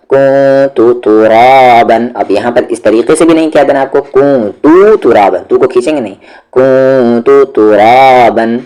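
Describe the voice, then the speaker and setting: A man leads a step-by-step tajweed lesson, his voice sitting low. He talks very slowly, stretching each syllable as he drills it with patience. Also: dark tone. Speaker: Quran recitation teacher.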